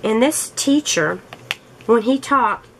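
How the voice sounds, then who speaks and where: Crafting-channel host, female, unhurried rambling chat, slight fry, faint background noise. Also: on the high side, expressive, poor audio. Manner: slow, rambling, chatty with laughs. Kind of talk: casual chat while crafting.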